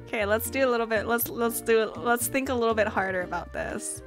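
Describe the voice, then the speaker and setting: Streaming a game from a small indoor room at home, a young woman rambles and giggles in a playful, casual way, using a desk mic with a headset. Her voice is a little high, her intonation lively, and her pace moderate. Music runs underneath.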